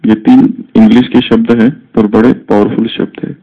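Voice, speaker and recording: Male spiritual teacher, unhurried and gravelly, teaching a group on a dull lo-fi recording. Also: on the low side, level tone. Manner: slow, measured teaching with many English words mixed in.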